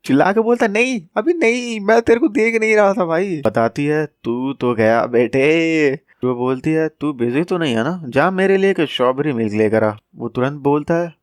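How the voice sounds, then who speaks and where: Young male recap narrator, slangy and joking, slightly high voice, dry close mic. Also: no room sound. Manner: slangy, joking asides, acts out lines. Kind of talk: casual recap storytelling.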